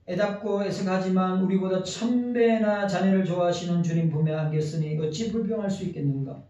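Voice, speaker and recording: A male pastor reading a heartfelt eulogy letter aloud during a church sermon, slow and earnest. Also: sits high, dark tone. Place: church sanctuary. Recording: echoey church hall from a distant mic, dull.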